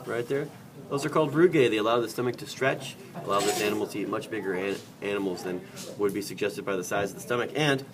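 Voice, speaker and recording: Male biology teacher, playful and chatty, quizzing students; distant mic, classroom chatter behind. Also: on the low side. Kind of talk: classroom dissection demonstration.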